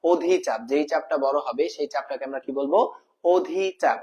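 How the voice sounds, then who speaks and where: Repetitive math tutor, slightly high. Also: male voice, brisk, a little mellow, muffled recording. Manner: repeats terms as questions to the viewer, calling them brother. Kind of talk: casual spoken lesson.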